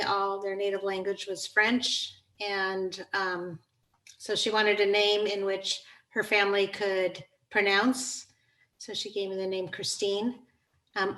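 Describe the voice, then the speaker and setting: A woman's voice: medium pitch, sharp tone, roomy sound, low-quality recording. A woman at a board retreat, telling in a matter-of-fact way how she got her name. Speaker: board member. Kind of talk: personal story at a meeting.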